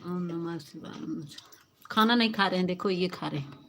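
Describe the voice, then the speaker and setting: A woman's voice: lowish voice, moderate pace, creaky, a little hiss or hum. A woman with an Awadhi-flavoured Hindi accent hosting a live stream, chatting with viewers by name as she reads their comments, scolding them at times and laughing. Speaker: livestream host. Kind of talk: casual livestream chat reading comments.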